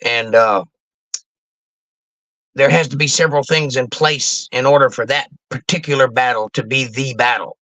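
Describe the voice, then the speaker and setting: A man's voice: mid-range voice, normal speed, pushed and bright, no echo, rough recording. A man hosting a casual live stream in a folksy, showman-like manner.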